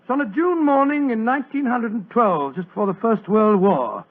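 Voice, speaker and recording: A man's voice: sits high, lively intonation, moderate pace. An actor playing a genial older British doctor, avuncular as he tells stories in a 1940s radio drama. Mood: reminiscing. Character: genial old British doctor recounting his adventures. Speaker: storyteller. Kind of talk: 1940s radio acting, storytelling. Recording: old muffled 1940s radio recording.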